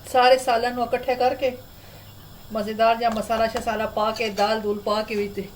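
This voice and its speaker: A woman's voice: a little high, normal speed, poor audio. A woman, hosting a home cooking tutorial in a chatty, homely way from her kitchen. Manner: chatty, homely, relaxed explaining. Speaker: cooking channel host. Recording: clear frying and stirring noise. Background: sizzling pan and stirring.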